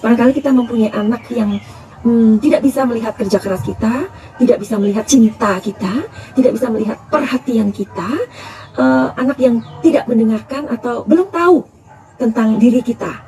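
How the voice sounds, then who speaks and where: A middle-aged woman talking through a tarot reading, confiding and full of advice. Her voice sits slightly high but sounds dark and mellow, with plenty of gravelly fry. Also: a little fast. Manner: chatty, calls listeners "sayang", counsel-giving. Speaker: tarot reader.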